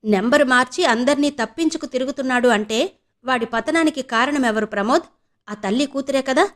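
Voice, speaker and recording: A woman's voice: high-pitched, brisk, close to an everyday voice. A woman voicing an angry middle-aged wife who scolds bluntly in an audio novel. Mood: indignant. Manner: indignant, scolding.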